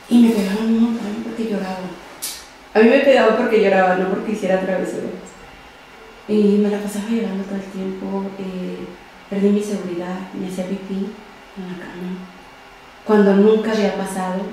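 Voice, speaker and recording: A young adult woman, a podcast guest telling her own story in an interview, speaking softly and often trailing off quietly. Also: medium pitch, slight background noise. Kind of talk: personal testimony in an interview. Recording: very echoey room.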